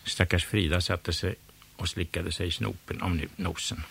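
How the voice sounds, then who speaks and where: A man reading a children's storybook aloud with lively, expressive narration. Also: sits low, creaky, a little hiss or hum.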